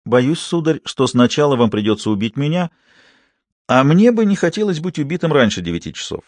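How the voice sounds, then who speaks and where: A man's voice: a little high, very animated, a little fast, a little mellow, no room sound, pitched above the performer's own voice. Guy reading a polite sneery young deputy, ironic and cool, dry recording. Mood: ironic courtesy. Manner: icily courteous, ironic. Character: young male deputy, coolly polite and mocking.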